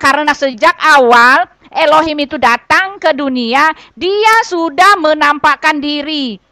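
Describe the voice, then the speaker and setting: A woman's voice: high-pitched, sharp tone, no echo. A woman answering a question in an online debate, reading and explaining verses earnestly. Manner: earnest, explaining, repeats "Pak" and "gitu loh".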